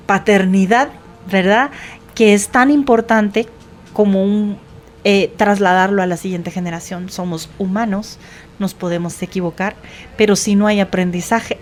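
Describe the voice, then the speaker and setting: A woman, a guest counselor giving advice in conversation, explaining patiently and often checking in with her listener. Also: medium pitch. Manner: earnest, explains patiently, often asks "verdad?".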